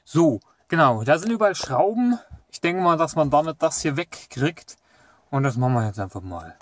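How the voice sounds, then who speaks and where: A man's voice: on the high side, sing-song, normal speed. Young man chatting while working on a car. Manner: chatty, thinking aloud, frequent fillers. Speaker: car hobbyist vlogger. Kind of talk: casual how-to commentary while working. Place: inside a parked car. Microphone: action camera mounted in the car.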